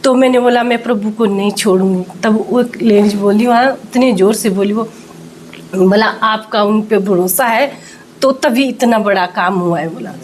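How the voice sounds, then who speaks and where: A church member shares her testimony with an interviewer, telling the story and acting out the quoted speech as she goes. She speaks at normal speed with a medium-pitched voice, and there is a little hiss or hum.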